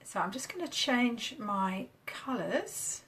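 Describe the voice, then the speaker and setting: A woman's voice: a little high, animated, slow, a bit bright, a little hiss or hum. A woman from the UK, a marketing coach, chatting upbeat and casual on a live stream while demoing on screen. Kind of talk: casual Facebook Live chat.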